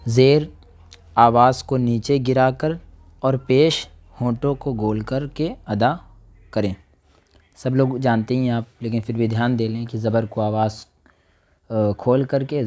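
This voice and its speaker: A man teaching a recorded Quran reading lesson, sounding out each letter and vowel slowly and checking with his listeners as he goes. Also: fairly low pitch, mellow. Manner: slow, careful demonstration of each sound, often asks "theek?".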